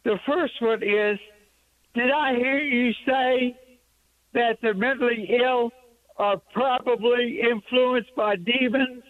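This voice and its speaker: A man calling in to a radio show over a telephone line. He talks haltingly and searches for words with many fillers. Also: extremely high pitch, steady tone, dry recording. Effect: heard over a telephone line. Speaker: radio call-in caller. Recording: tinny dry phone line.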